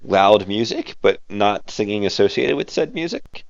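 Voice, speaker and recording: Deep-voiced man running a tabletop game. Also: big pitch swings, moderate pace, vocal fry, no room sound, dull audio. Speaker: game master.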